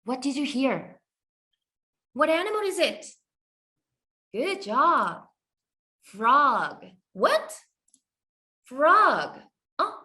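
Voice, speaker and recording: A woman teaching an English phonics lesson to young children in an animated, sing-song, encouraging way. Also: high voice, very slow, pauses often.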